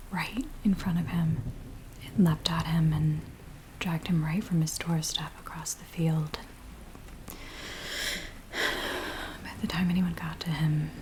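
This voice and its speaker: The audio is poor, and a woman's deep, breathy whisper carries over continuous rain noise. Cast as a terrified village woman pleading with a werewolf tracker in an ASMR roleplay, she speaks softly and hesitantly, unfolding the tale at a slow pace.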